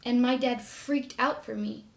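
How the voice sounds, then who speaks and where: A young woman in her twenties, telling her own story to camera in a soft, halting way, often trailing off quietly. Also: on the high side, fairly even intonation, creaky.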